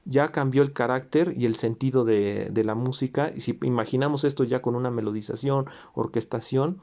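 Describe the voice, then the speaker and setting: A man's voice: medium pitch, moderate pace, vocal fry, a little mellow. A man teaching a recorded music theory lesson, explaining patiently with fillers and self-corrections. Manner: sings rhythms in syllables.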